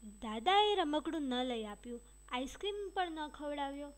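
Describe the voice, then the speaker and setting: A woman's voice: sits high, lively intonation, normal speed. A woman teacher reading a storybook aloud to young pupils, adding light expression to the dialogue. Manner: addresses young pupils directly. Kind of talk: storybook read-aloud for children.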